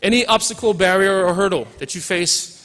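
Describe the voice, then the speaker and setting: Inside a large, echoing hall, a man in his forties from Hawaii, a teacher, gives a loose, joking graduation speech with a Hawaiian accent and bits of Pidgin. He speaks a little fast in a high, somewhat bright voice.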